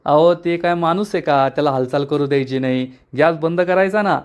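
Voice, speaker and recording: A man's voice: fairly high pitch, fairly quick, clear, resonant tone, close to an everyday voice. A man voicing an exasperated young man scolding an elder in a serial recap, in his own voice. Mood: annoyed.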